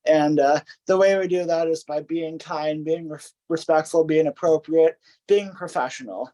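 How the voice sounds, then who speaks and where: A man's voice: fairly high pitch, fairly even intonation, normal speed, warm tone, rough recording. A man hosting an interview who agrees readily and talks with many fillers and restarts. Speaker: interview host. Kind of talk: interview conversation.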